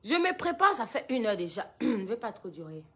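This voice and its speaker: A woman's voice: on the high side, sing-song, fairly quick, husky. A woman telling a story to her followers in a dramatic, emphatic way. She mixes English phrases into her talk.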